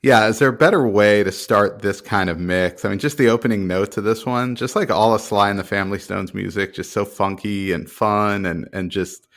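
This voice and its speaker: A man's voice: fairly low pitch, moderate pace, few pauses, fairly bright tone. A man hosting a music podcast, chatting casually in an upbeat, enthusiastic way. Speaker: podcast host. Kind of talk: casual chat.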